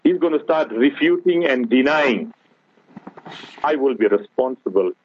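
A guest scholar with a South African accent talks earnestly about religion on the radio, frequently addressing the host. He speaks at a medium pitch and a slightly slow pace, heard through a tinny, phone-like broadcast.

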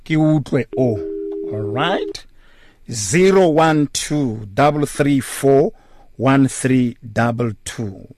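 A man's voice: medium pitch, slow pace, noisy background. A man with a South African accent hosts a casual radio talk, often chiming in with affirming interjections. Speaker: radio show host. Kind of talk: casual talk with guest and callers.

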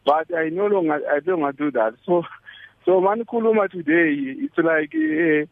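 Male caller, South African Zulu accent, high pitch, tinny phone sound; halting, repetitive testimony mixing English and Zulu. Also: expressive, no room sound. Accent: South African Zulu-language. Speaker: caller to a religious radio show. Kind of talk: personal testimony, casual and conversational. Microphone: telephone.

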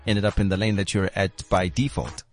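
A man's voice: deep voice, level tone, fairly quick, faint music behind. A man hosting a radio show from a studio, chatty, with many fillers and restarts. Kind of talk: radio interview and promo read.

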